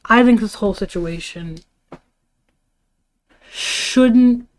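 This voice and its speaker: A tired-sounding woman hosts a livestream, speaking slowly in a mid-range voice. She rambles casually through her opinions and swears now and then.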